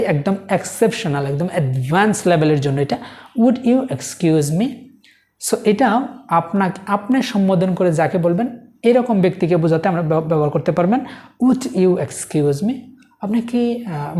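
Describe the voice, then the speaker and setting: Mellow-voiced woman teaching English. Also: fairly low pitch. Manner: says each English phrase slowly and carefully, often begins with "So". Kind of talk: spoken-English lesson.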